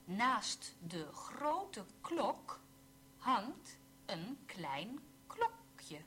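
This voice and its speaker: A woman slowly reading simple example sentences for a language lesson, pronouncing each one carefully. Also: on the high side, wildly swooping pitch, sharp tone, slight background noise. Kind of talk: slow read-aloud language drill.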